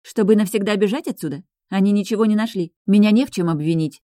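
A woman's voice: mid-range voice, expressive, fast talker, warm tone, no echo, clean studio sound, voice pushed up, natural voice. A woman voicing an indignant, defiant young woman who snaps back. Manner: indignant, snappish.

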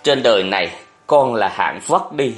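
A man's voice: medium pitch, lively intonation, quick pace, fairly bright tone, faint music behind, natural voice. A sullen young man mutters his resentment in grumbling, bitter lines, voiced plainly by a man reading a novel. He sounds weary and wounded.

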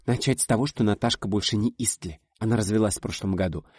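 A man's voice: fast, a little mellow, breathy edge, dry recording, clean studio sound. A man voicing a confident woman scientist who teases and confides in her friend in an audiobook. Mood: confiding. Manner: teasing, knowing, lowered confiding tone.

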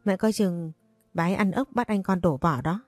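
A woman's voice: on the low side, moderate pace, dry recording, studio quality, faint music behind, lightly acted. A woman voicing a spiteful young sister-in-law who accuses with whiny, mock-tearful complaints, in a storybook reading. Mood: accusing.

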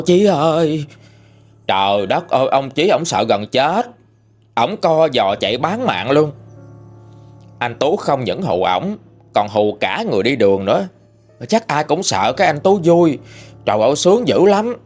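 Animated Southern Vietnamese male storyteller. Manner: folksy, animated retelling with lively pitch swings. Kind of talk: ghost story narration.

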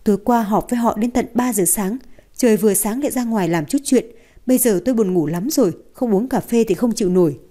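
A woman reading the part of a brash, curious young woman who chats freely and bristles quickly. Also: mid-range voice, warm tone, lightly acted. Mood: chatty.

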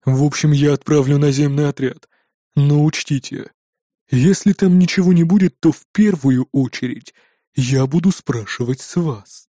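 A man voicing a cold, weary male official who speaks slowly and flatly. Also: fairly high pitch, no echo, studio quality, voice pushed down, lightly acted. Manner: cold, slow, tired.

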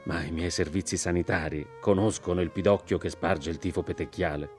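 A man voicing a polite, earnest American general in an audiobook, speaking mildly and measured. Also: low-pitched, steady tone, darkish tone, faint music behind, lightly acted.

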